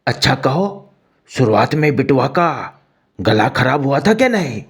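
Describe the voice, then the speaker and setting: Brief: a man playing an earnest village servant, slow drawling rural speech, gravelly and husky, storybook tale. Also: mid-range voice, very animated, pitched above the performer's own voice, exaggerated voice. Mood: earnest, urgent.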